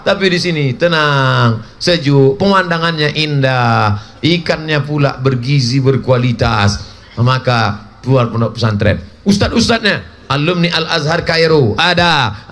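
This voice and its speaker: A man's voice: fairly high pitch, fairly bright tone. A man in his forties giving a humorous sermon as a preacher, joking and acting out little dialogues. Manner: jokey, acts out dialogues with shifting voices.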